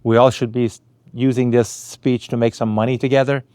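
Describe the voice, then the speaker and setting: Smooth-voiced man giving an earnest pitch. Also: level tone, a little fast, a little mellow, no room sound. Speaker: company founder addressing agents. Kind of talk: sales pitch speech.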